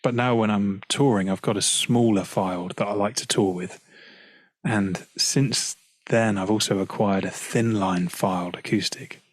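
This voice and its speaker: A relaxed British man speaks as an interview guest, his voice a little low and husky. He talks casually, with plenty of "you know" and easy laughs. The sound is close and dry, with no room around it. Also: a little slow, no room sound. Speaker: guest singer-songwriter. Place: at home practicing, on a call.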